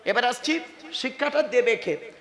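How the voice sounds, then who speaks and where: High, bright-voiced male preacher. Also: expressive, a little slow, echoey room. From West Bengal, India. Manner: calls on the crowd to answer, mixes in English words, jokes about mispronunciation. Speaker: Islamic preacher. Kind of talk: waz sermon to a crowd.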